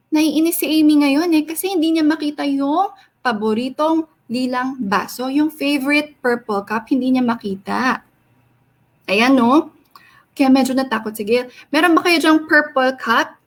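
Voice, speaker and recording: Lively high-voiced woman storyteller. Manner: expressive, sing-song, asks children questions. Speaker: storyteller reading to children. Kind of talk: animated read-aloud storytelling for kids.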